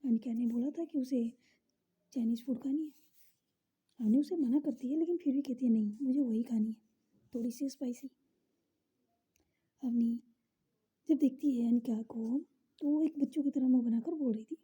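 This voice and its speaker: A woman narrating a romance story in a soft, half-whispered, breathy voice. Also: high voice, normal speed, long pauses.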